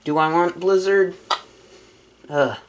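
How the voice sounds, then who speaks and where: While unboxing a weather radio, a vlogger talks casually through the setup, reading each option aloud before picking. His voice sits high and he takes his time, with background noise around him.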